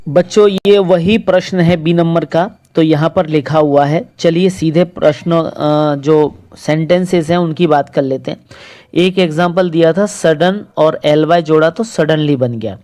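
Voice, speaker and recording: Slow patient teacher going over a school exercise, says each word twice, middle pitch. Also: a little mellow. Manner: patient, repeats words slowly for pupils. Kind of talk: explaining a school textbook exercise. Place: recorded lesson video.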